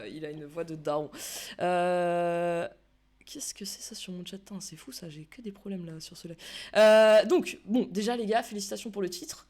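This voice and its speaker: Chatty woman hosting a live stream. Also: on the low side. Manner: chatty, laughing, self-correcting. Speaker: esports league show host.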